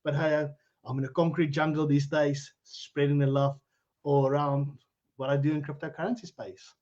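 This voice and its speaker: Over a lo-fi video call, a cryptocurrency educator with a South African accent talks as a guest on a livestreamed interview. He's middle-aged, with a fairly high but darkish voice, a flat delivery and normal speed. His style is chatty and meandering, and laughter comes to him readily.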